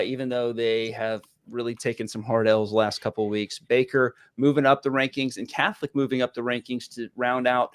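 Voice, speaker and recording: A man, co-hosting a casual high school football talk show in an excitable, folksy, joking manner. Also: clear, resonant tone. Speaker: podcast co-host.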